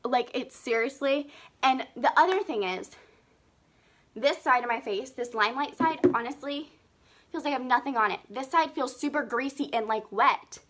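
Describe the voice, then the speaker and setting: A young woman talking on a live makeup video, gushing and excitable, breathing a little heavily. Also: high voice, normal speed. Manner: gushing, excitable, lots of "like" and "seriously". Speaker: beauty vlogger.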